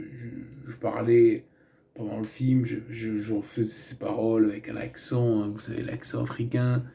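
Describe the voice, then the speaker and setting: A man's voice: medium pitch, gravelly, mellow. A man giving a loose, rambling film review in casual chat, full of fillers, restarts and asides. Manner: meandering, many fillers and restarts, chatty asides.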